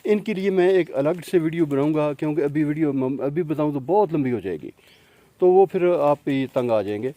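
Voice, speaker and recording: A man with a deep, dark and mellow voice walks through a casual gardening lesson. He explains patiently, with frequent fillers, while pointing at his plants. He moves nearer to and farther from the camera mic as he shows them. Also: lively intonation, no echo. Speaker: home gardening presenter.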